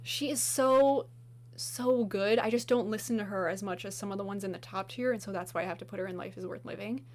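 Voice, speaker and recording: Gushing woman, slightly hoarse. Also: medium pitch, fast talker, slight background noise. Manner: gushing, enthusiastic, filler-heavy. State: slightly hoarse, losing her voice. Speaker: video host. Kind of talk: casual music ranking chat.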